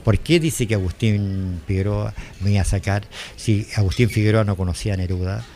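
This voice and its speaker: A man's voice: on the low side, a little fast, a little mellow. An older man with a Chilean accent giving a rambling personal testimony, often repeating himself and quoting what others said. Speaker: interviewee, former driver.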